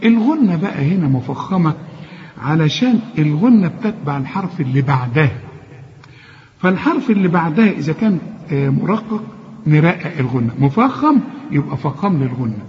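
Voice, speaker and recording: A man with an Egyptian accent teaching Quran recitation one-on-one. He corrects his student, chides him mildly, and recites words slowly as models. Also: on the high side, big pitch swings, a little hiss or hum. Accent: Egyptian Arabic. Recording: dull lo-fi recording with long reverb.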